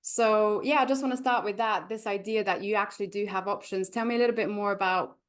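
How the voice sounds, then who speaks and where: A woman's voice: mid-range voice, steady tone, fast. Hesitant woman podcast host. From Bulgaria. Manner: hesitant, many fillers and restarts. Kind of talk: casual podcast interview.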